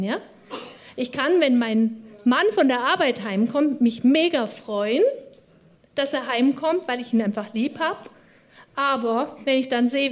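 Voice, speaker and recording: Woman preacher, middle-aged, high voice, earnest conversational testimony. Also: darkish tone. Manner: earnest, conversational, with many fillers and restarts. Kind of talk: personal testimony sermon.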